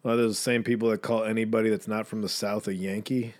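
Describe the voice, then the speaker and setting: A man's voice: on the low side, level tone, quick pace, a little mellow. A man co-hosting a podcast in casual chat, sarcastic and profane, full of joking banter. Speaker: podcast co-host.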